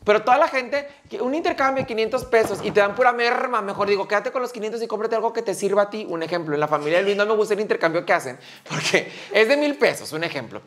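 A man's voice: sits high, a bit bright. A man with a Mexican accent, chatting bluntly on a podcast and mocking what he dislikes. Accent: Mexican Spanish. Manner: blunt, opinionated, quick to mock. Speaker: podcast co-host. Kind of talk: casual chat.

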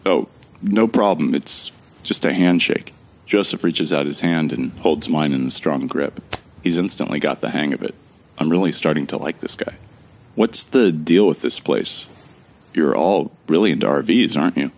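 This sci-fi audio drama is told in the first person by its protagonist, a man whose extremely deep voice carries a gravelly fry. He keeps a moderate pace and a wry, easygoing tone, tossing in jokes and the odd curse.

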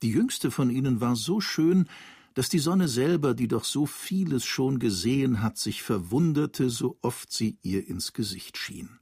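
A man narrating a fairy tale aloud in a measured, expressive storytelling manner. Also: medium pitch, breathy edge, dry recording, clean studio sound.

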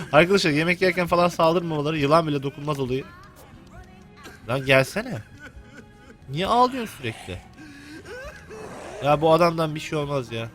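A man's voice: a little high, expressive, moderate pace, pauses often, fairly bright tone, faint music behind. A young man commenting on a video game while he plays, joking and cursing at the characters. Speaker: gameplay commentator. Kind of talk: let's play commentary.

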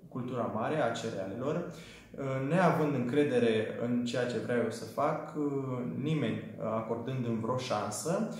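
A man's voice: mid-range voice, a little mellow, slight background noise. Young man in a very echoey room. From Romania. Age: 20s. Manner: earnest, hesitant with frequent fillers. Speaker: small business owner telling his story. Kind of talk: testimonial for a training video.

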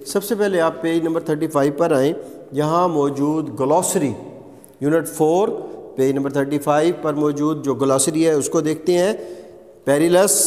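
A male English teacher speaks slowly and deliberately, reading each word on its own and giving its meaning. His voice sits a little high for a man. The sound rings with the long reverb of a hall. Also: a little mellow. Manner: slow, deliberate, reads glossary word by word with Urdu meanings; reads English definitions very slowly. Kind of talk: recorded classroom lesson.

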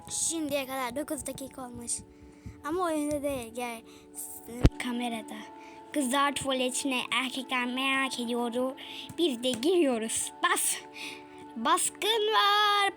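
High-pitched chatty gamer woman. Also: moderate pace, music in the background. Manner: chatty, exclaiming, talks to viewers. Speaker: gaming YouTuber. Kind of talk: casual let's-play commentary.

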